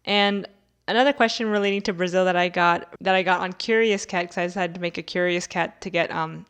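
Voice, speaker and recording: A young American video creator answers her viewers' questions in a lowish, steady voice that's brisk, fairly bright, and clean. She keeps it conversational, often dropping in fillers like "like" and "you know."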